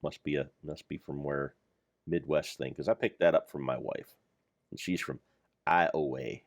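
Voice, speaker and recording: Very deep-voiced older man rambling. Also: steady tone, moderate pace, a little mellow, dry recording, studio quality. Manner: meandering, self-deprecating, jokey. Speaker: Minecraft mod pack creator. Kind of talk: rambling gameplay commentary.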